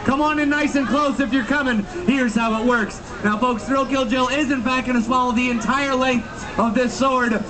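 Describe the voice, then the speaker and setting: High-pitched sword-swallower sideshow barker. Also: male voice, steady tone, moderate pace. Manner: showman's barker patter, theatrical and emphatic, addressing the crowd. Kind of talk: live sideshow pitch to a street crowd. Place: busy street outside an attraction, later its lobby. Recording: distant mic, crowd around. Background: crowd.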